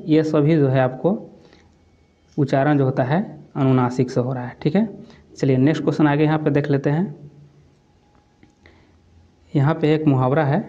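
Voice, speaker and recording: A man's voice: mid-range voice, warm tone, highs cut off. A man going through exam quiz questions as a coaching teacher, repeating each answer and adding "theek hai" as a filler. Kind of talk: quiz lesson walkthrough.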